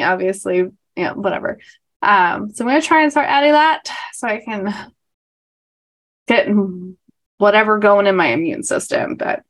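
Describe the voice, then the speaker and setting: A woman's voice: medium pitch, a bit bright. A woman, co-hosting a podcast in casual chat, congested from allergies and laughing often. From New York. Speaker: podcast co-host.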